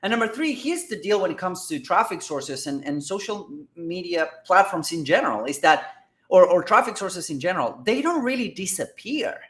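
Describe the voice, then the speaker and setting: Man, fairly high voice, excitable, casual business commentary, keeps asking "all right?". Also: normal speed, roomy sound. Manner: energetic, excitable, frequent "all right?" and "guys". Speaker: marketing host.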